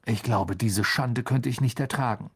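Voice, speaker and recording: A man's voice: medium pitch, husky, lightly acted. A man voicing a cheeky, teasing teenage wizard boy in a storybook. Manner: teasing, quick and mocking.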